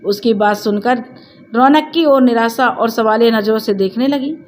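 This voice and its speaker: A woman telling a scripted family drama story in a steady, plain narrating voice. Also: on the high side, normal speed.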